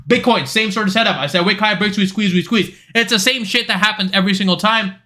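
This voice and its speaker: A man's voice: high-pitched, pushed and bright. A young man hosting a live trading stream, talking bluntly and emphatically, swearing often. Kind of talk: live stream chart commentary.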